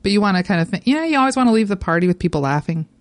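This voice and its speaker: A woman's voice: mid-range voice, sing-song, racing, no room sound. A woman co-hosting a casual chat, explaining the plot at length. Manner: chatty, explains plots at length. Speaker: podcast co-host.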